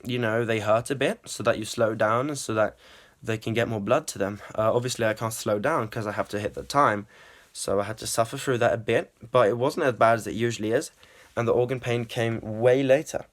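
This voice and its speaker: A man's voice: mid-range voice, a little fast. A man vlogging casually after a run, still out of breath, rambling with many ums and uhs. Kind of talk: casual running vlog.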